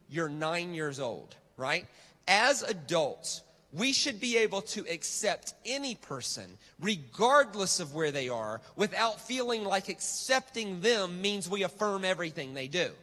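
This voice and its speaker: A man's voice: high-pitched, pushed and bright. A man preaching a sermon in an emphatic, conversational way, leaning on repetition. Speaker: visiting preacher. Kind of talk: sermon with slides. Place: large reverberant church hall. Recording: reverberant hall sound.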